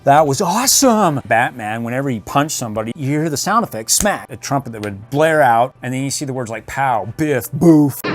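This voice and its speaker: Playful dad toy reviewer, animated swoops, jokes constantly, soft music underneath. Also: male voice, mid-range voice, a little fast, few pauses. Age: middle-aged. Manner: goofy, joking, jumps between bits and impressions. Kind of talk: casual toy unboxing review.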